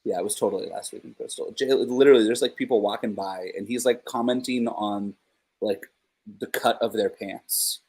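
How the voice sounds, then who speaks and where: A man's voice: lowish voice, fairly even intonation, moderate pace, darkish tone, slightly rough. A man co-hosting a casual podcast, teasing and joking with his co-host. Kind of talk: casual chat.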